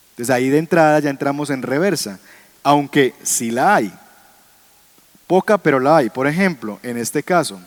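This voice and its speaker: A man teaching a Bible class on Hebrew poetry, talking to his students, asking them questions and chuckling now and then. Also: mid-range voice. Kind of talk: classroom lecture.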